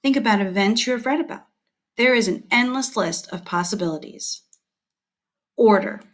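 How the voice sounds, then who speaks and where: A female teacher with a mid-range voice reads scripted educational material aloud, clearly, deliberately, and expressively.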